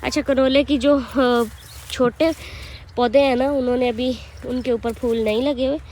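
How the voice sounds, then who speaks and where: A young woman, slightly hoarse, chatting casually to viewers as she vlogs while walking through farm fields. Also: high voice, steady tone, normal speed, warm tone, a little hiss or hum. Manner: chatty, rambling, addresses viewers directly. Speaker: village vlogger and mother. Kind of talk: casual walk-and-talk vlog.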